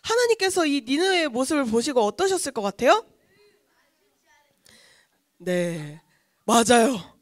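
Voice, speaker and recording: A woman's voice: high voice, no room sound, clean studio sound. A woman children's pastor telling a Bible story to kids, asking them questions as she goes. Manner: asks the children questions, acts out quotes.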